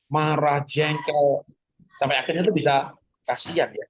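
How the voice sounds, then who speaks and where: A man's voice: on the high side, fairly even intonation, measured pace, husky, low-quality recording. A middle-aged man preaching in a conversational, joking way, acting out quoted lines and prayers. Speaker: pastor. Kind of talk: sermon teaching.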